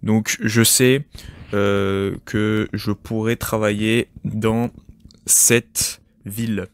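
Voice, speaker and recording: A man's voice: lowish voice, flat delivery, extremely slow, smooth, no echo. A man giving an informal spoken lesson, talking directly to the listener with many hesitations and repeated words. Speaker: English teacher, podcast host. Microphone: podcast microphone.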